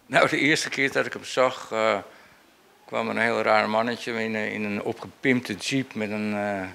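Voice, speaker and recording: An older man, a portrait painter, telling memories in a halting, unscripted and reflective way. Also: fairly low pitch, fairly even intonation, vocal fry, pushed and bright. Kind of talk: unscripted speech recounting memories.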